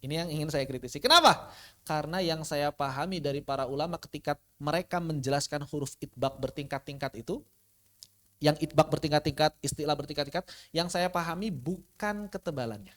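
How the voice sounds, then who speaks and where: A Quran recitation teacher giving an online tajwid lesson, asking rhetorical questions, answering them, and slowly sounding out Arabic letters as examples. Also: medium pitch, fairly bright tone. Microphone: online class recording.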